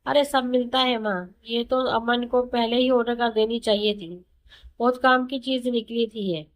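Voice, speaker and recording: A cheerful young working daughter-in-law from a storybook, voiced by a woman. She sounds breezy and reassuring, and her voice sits somewhat high. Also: fairly even intonation, measured pace, close to an everyday voice.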